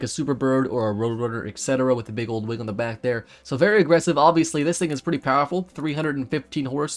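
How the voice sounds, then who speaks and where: A man hosting a car build walkthrough, then chatting and laughing with friends while racing in a driving game. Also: medium pitch. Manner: upbeat, laughs often, excitable when startled. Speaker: host.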